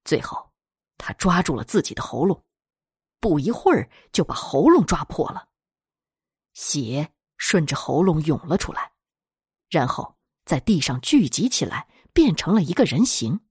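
A woman narrating a scripted horror story in a dramatic, expressive storytelling manner. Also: low voice, measured pace, slightly rough, dry recording, clean studio sound.

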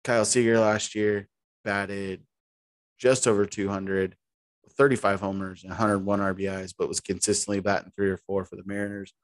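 A lowish-voiced man, recorded dry, co-hosts a podcast and talks casually about baseball. He rambles easily and keeps starting sentences over partway through.

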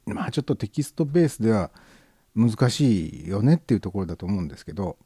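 Low, dark-voiced Japanese man chatting casually. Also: quick pace, slightly rough, no room sound, clean studio sound. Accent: Gifu-Nagoya Japanese. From southern Gifu, Japan. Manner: relaxed, musing, many fillers. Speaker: internet radio host. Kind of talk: casual solo chat.

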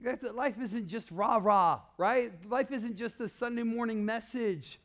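A male pastor preaching a sermon, calling out to the congregation and swinging between loud declarations and hushed, low passages. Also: unhurried. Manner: calls out to the congregation.

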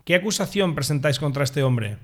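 A man voicing a stern, questioning male Roman governor in a liturgical reading, with a measured delivery. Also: a little high, expressive, natural voice.

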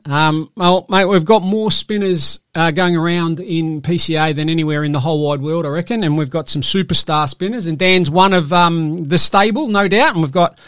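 Man, Australian accent, high-pitched voice, dry close sound, podcast host, casual sports chat, matey and teasing. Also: moderate pace, few pauses, a bit bright, smooth, no room sound.

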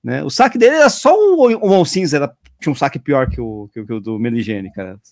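A man's voice: mid-range voice, big pitch swings, fast talker, no echo, studio quality. A man co-hosting a casual chat, talking with enthusiasm. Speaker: co-host.

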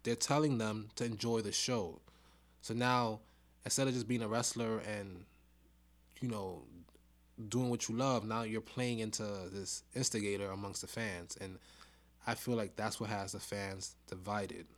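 A man's voice: on the low side, steady tone, a little slow. A man hosting a casual fan podcast from his home basement, talking bluntly and informally with some swearing. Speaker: podcast host. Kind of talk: casual, profane fan discussion.

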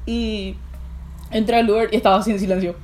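A woman's voice: mid-range voice, steady tone, fast talker, darkish tone. A young woman with a Paraguayan Spanish accent, co-hosting a podcast and telling a story in a casual, rambling way full of fillers. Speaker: podcast co-host. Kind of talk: casual chat.

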